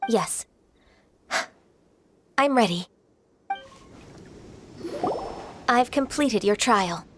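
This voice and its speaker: A woman voicing a gentle young half-immortal trainee in an anime game, polite, earnest and hesitant. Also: fairly high pitch, animated, slow pace, background noise. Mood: dutiful, hesitant. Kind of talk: anime game character acting.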